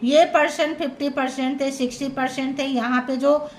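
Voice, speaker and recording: High-voiced woman reading tarot. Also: steady tone, normal speed, slight background noise. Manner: emphatic, listing feelings in short repeated phrases. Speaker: tarot reader.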